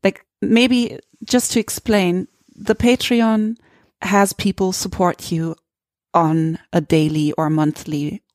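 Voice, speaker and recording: A woman's voice: lowish voice, steady tone, slow, darkish tone, no room sound, clean studio sound. A woman with a German accent hosting a podcast, talking candidly in a searching way that often restarts phrases. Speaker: podcast host. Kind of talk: casual conversation.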